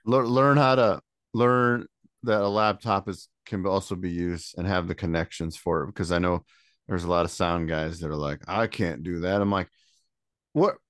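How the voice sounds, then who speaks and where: Guest musician, male, from Michigan, low voice, relaxed and laughing, dry sound. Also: normal speed, no echo. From Michigan, USA. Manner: easygoing, laughs often. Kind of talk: casual interview chat.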